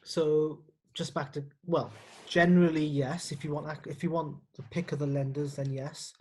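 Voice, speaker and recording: Husky, somewhat high-voiced broker guy, explains lending matter-of-factly in a live Q&A. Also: little pitch movement, mellow. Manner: explanatory, matter-of-fact, quick. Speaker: mortgage broker guest. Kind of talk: casual live Q&A chat.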